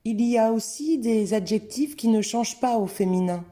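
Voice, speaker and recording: A woman narrating a scripted language lesson, reading word pairs slowly and carefully. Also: fairly high pitch, dark tone. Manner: slow, careful, clearly spelled-out word examples. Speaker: French teacher.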